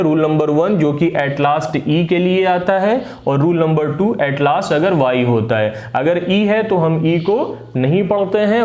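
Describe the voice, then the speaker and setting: A man explains English phonics rules in a patient teaching tone, pausing often with "uh" fillers. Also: fairly high pitch, a little mellow, reverberant. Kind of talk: explaining lesson.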